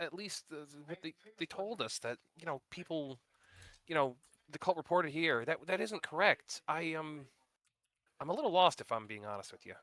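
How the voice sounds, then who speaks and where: A man playing a tabletop game, talking casually in character in a halting, unsure way. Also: fairly high pitch, pushed and bright, no room sound.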